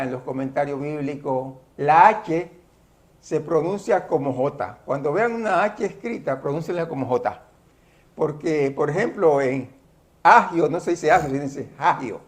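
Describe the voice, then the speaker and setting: Bible study teacher, male, fairly high voice, slow and deliberate delivery, breaks terms down step by step. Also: a little mellow. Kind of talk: explaining a Bible study lesson.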